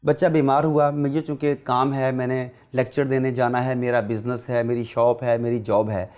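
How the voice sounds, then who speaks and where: A man's voice: mid-range voice, level tone, a little mellow, clean tone. A man, a guest lecturer explaining earnestly, emphatic and full of rhetorical questions. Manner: emphatic, rhetorical questions, mixes in English words. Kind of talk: earnest explanatory podcast talk.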